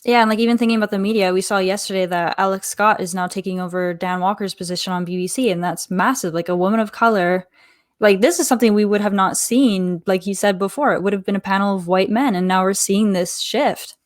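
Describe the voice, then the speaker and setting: A woman's voice: medium pitch, steady tone, fast talker, no echo. Informal woman interviewer, dry close sound. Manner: informal, uses "like" often. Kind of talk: casual interview chat.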